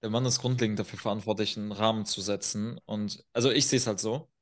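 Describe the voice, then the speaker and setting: A man's voice: lowish voice, steady tone, quick pace. A man chatting on a podcast as a guest coach, telling stories in a blunt, self-assured way. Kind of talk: casual podcast chat.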